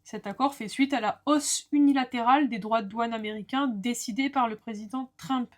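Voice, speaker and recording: Woman lecturer explaining in a higher voice. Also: normal speed. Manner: clear, structured explaining with asides to the viewer. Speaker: law lecturer. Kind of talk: explanatory lesson.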